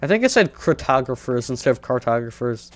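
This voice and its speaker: A man's voice: mid-range voice, big pitch swings, brisk, soft background music. A man streaming a survival game, casually thinking aloud and joking at his own expense while he plays. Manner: rambling, self-deprecating, thinking aloud.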